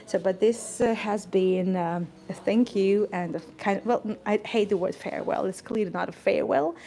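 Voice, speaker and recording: A tour guide vlogger speaks at normal speed in a warm, medium-pitched voice with vocal fry. Streaming live from a cozy indoor garden café, she chats casually and gratefully, laughing a lot and tripping over her words.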